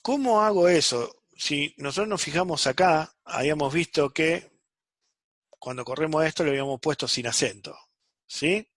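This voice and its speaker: "¿Sí?" and "¿está?" come up constantly as this man checks on his students after nearly every phrase of his online programming class. His voice is a little high and a bit bright, at a normal speed, with no echo.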